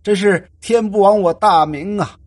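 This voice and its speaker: A man's voice: medium pitch, big pitch swings, slightly rough, dry recording. A man doing a stiff, pompous ghost scholar. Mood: solemn. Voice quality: slow, stiff, archaic bookish manner. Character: pompous old-fashioned male Ming scholar ghost.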